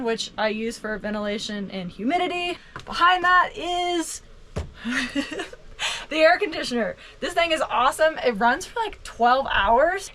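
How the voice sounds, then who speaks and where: A woman's voice: sits high, fairly bright tone, slight background noise. A woman vlogger giving a casual walkthrough tour, speaking to camera from inside a small camper van.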